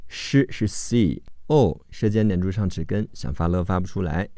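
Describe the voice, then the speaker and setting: A man teaching English vocabulary, slowly spelling out each word's letters and sounds. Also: sits low, dark tone, dry recording, studio quality. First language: Chinese. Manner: slow, deliberate spelling-out of word sounds. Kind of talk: vocabulary phonics lesson.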